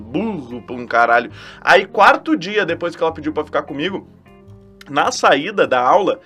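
Young guy w southern brazilian gaúcho accent, crisp bright voice, cussing a lot, soft music underneath. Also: a little high. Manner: animated, profane, slangy, self-mocking. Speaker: podcast host. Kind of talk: casual storytelling monologue.

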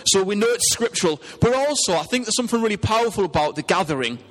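A man with a Teesside English accent preaches an earnest, conversational sermon, asking his congregation questions. His high-sitting voice is fairly bright, fast, and lively in intonation, with long hall reverb.

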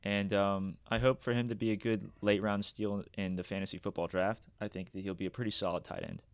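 A man's voice: on the low side, little pitch movement, fairly quick, clear, resonant tone, no room sound. A man co-hosting a fantasy football show, giving a top ten countdown in informal, slangy, opinionated sports talk. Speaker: fantasy football podcast co-host.

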